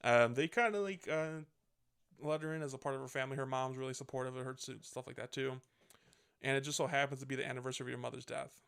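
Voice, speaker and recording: Gravelly-voiced man rambling through a review. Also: mid-range voice, fast talker, fairly bright tone. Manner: rambling, swears freely, self-correcting. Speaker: podcast host. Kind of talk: casual movie review chat.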